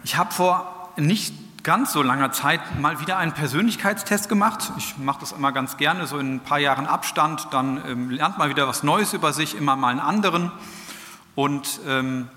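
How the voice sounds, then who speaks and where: A man's voice: a little high, expressive, moderate pace, sharp tone. A man preaching a sermon in a conversational, slightly hesitant way. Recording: long church reverb.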